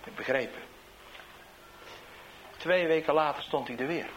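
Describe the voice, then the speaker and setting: A man, a street evangelist, tells a testimony in an animated storytelling way, swinging between loud bursts and hushed asides. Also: on the high side, a little slow, a little hiss or hum, poor audio.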